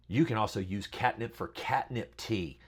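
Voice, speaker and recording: A man's voice: on the low side, a little slow, slightly rough. A middle-aged man hosting a casual how-to talk, rambling with lots of fillers and chatty asides. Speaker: channel host.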